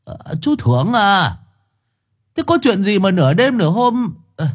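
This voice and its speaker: A husky-voiced man voicing an elderly male coffin maker of about seventy, asking startled questions. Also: sits high, big pitch swings, measured pace, pitched above the performer's own voice, exaggerated voice. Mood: puzzled.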